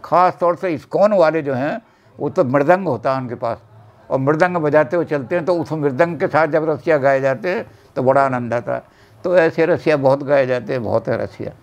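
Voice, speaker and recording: A man, a guest folk music expert, explaining Holi folk songs in an interview in quick, flowing speech. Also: on the high side, highs cut off.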